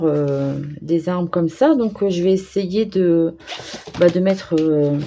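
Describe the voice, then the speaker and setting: Woman, casual craft chat, thinks aloud with fillers, slow pace, faint background noise. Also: on the low side. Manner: hesitant, thinking aloud with fillers and self-deprecating asides. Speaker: craft vlogger.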